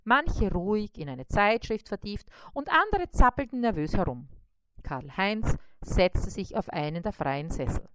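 A woman narrating a children's story in a calm, even scripted reading. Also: medium pitch, measured pace, clean tone, no room sound.

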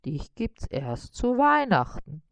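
A woman reading a storybook aloud and voicing a large, hungry male spider in a low, grumbling voice. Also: big pitch swings, takes it slowly, gravelly, slight background noise, heavily acted. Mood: matter-of-fact.

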